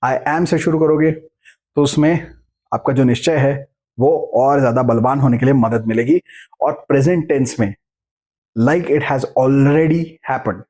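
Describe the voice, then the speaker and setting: Man slowly chanting affirmations in a talk. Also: medium pitch, a little mellow, husky. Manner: slow, deliberate spoken affirmations, repeats phrases. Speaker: self-help speaker. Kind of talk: motivational talk.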